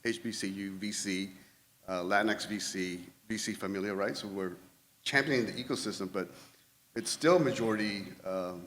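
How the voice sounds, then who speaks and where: An energetic man from Houston speaks conversationally as an investor on a panel. His voice is low but bright, and a long reverb from the hall lingers behind it. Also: normal speed. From Houston, Texas. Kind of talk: panel discussion.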